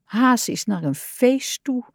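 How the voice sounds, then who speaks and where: A woman voicing a cheerful young male frog who is eager and easily upset, in an expressive storybook voice. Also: a little high, slow pace, gravelly, no room sound, studio quality, pitched above the performer's own voice, full character voice. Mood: grumbling, sad.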